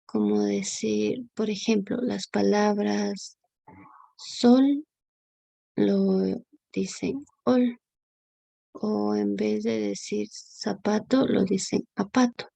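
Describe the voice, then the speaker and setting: A young woman giving a class presentation, halting with many fillers and restarts. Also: medium pitch, flat delivery, vocal fry, warm tone, no room sound. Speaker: student presenter.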